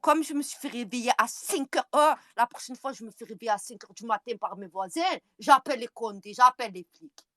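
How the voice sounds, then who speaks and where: A woman on a furious, taunting rant, repeating her challenges and swinging between yelling and low, menacing mutters. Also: brisk, hardly any pauses, no echo, clean studio sound. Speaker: social media personality. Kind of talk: angry direct-to-camera rant.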